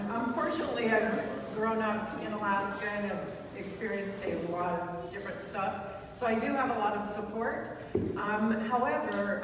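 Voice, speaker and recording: A woman's voice: mid-range voice, noisy background. A woman answering a panel question to an audience in an earnest way, with many fillers. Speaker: panel speaker. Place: large hall. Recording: echoey hall from far off.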